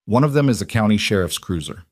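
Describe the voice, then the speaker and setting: A man's voice: fairly low pitch, expressive, fast talker, no echo, clean studio sound. A man voicing a biker scout who gives a clipped, businesslike report. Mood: tense.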